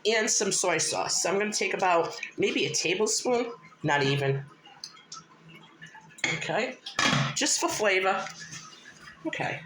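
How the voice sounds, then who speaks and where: Casual home-cooking host: woman, slightly winded, homely and conversational, lively intonation over noticeable background noise. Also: medium pitch, measured pace, pauses often. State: slightly short of breath, recovering from illness. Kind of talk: casual cooking demonstration to viewers. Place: indoors at home, in a kitchen. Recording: roomy echo, clear background noise.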